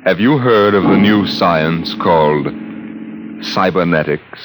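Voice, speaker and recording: An actor playing the ominous narrator of an old-time science-fiction radio show, in dramatic announcer style. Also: male voice, sits low, takes it slowly, loud music behind the voice, poor audio. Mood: ominous, grand.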